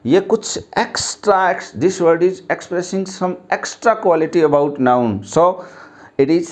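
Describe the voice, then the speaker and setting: Slow, patient male teacher. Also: medium pitch, mellow. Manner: slow, explains step by step and asks questions. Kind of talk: grammar lesson at a board.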